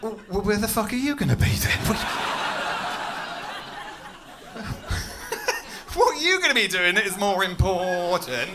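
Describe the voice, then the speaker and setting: A man's voice: high voice, lively intonation, slow, pauses often, background noise. A man with an English accent doing a stand-up comedy set, chatty and self-mocking, with frequent swearing. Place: comedy club stage with a laughing audience. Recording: club audience laughter audible.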